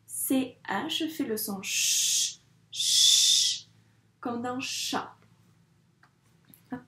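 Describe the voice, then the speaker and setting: A woman teaching young children a dictation, patiently spelling out sounds and syllables clearly for a child. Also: fairly high pitch, very slow, bright, forceful tone, a little hiss or hum. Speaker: primary school teacher. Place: room with a whiteboard. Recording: echoey room.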